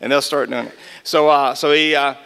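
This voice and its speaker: A man's voice: mid-range voice, fairly even intonation, normal speed, gravelly, pushed and bright, smooth. A man giving a folksy testimony talk to a gathering, telling a story and acting out the voices in it. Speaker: Gideons speaker.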